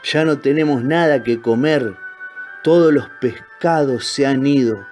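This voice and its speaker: A man doing a slow, high old caiman. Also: darkish tone, faint music behind, lightly acted. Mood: grave. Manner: slow, high, drawn-out lines. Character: old wise male caiman, slow, knowing.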